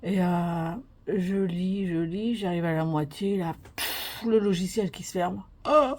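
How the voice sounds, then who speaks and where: A woman vlogger telling a stressful story in casual, animated French, full of fillers and muttered inner-voice asides. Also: lowish voice, measured pace.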